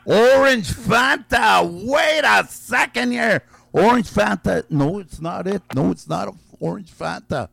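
This radio game show host has a high, creaky voice that is bright, forceful and slightly rough, with lively intonation. He's hosting a call-in guessing game as his voice gives out, chuckling and slowly repeating each drawn-out guess. No echo is present.

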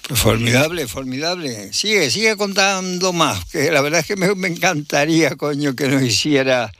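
A man interviewing a guest, encouraging him warmly and repeating his words. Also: on the high side, lively intonation, moderate pace, no room sound. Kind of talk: conversational interview.

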